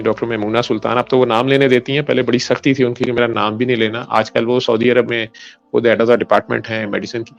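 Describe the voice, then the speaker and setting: Gravelly-voiced male doctor telling a story. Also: mid-range voice. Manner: retells events with quoted dialogue, mixes in English medical terms. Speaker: doctor, interview guest. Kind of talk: storytelling in an interview.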